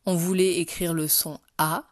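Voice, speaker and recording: A woman leads a phonics lesson for a young child, and she talks slowly and patiently, with a lowish voice. The sound is dry and close, with no room around it. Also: flat delivery, no echo. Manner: slow, patient, addressing the child directly. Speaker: primary school teacher.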